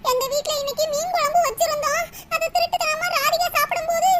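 A flustered young caller. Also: female voice, extremely high pitch, fairly even intonation. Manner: flustered, hurried. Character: anxious young woman calling for help. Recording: loud constant noise with clicks.

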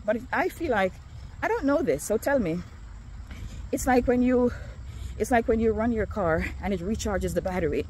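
A woman's voice: on the high side, expressive, moderate pace, a little mellow, a little hiss or hum. A woman from Jamaica, chatting casually to viewers on a phone while walking outdoors, a little out of breath. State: slightly out of breath. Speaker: vlogger. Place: outdoors on a neighborhood street.

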